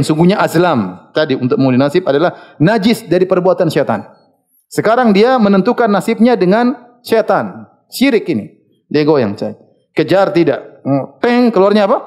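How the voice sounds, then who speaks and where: A man giving an Islamic study lecture. He tells the story in a lively way, chuckling often and stopping to search for words. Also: fairly high pitch, brisk. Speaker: Islamic preacher.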